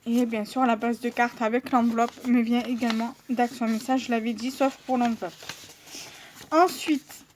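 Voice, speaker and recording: A woman's voice: a little high, fairly even intonation, normal speed, darkish tone, a little hiss or hum. A woman vlogger showing her handmade cards in a casual, hesitant way, with many fillers. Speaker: crafting vlogger.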